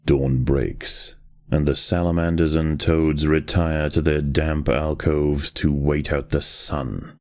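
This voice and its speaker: This is a man delivering scripted game narration in the style of a nature documentary, grave and deliberate in pace. He has a bass voice with a darkish tone and barely shifts in pitch.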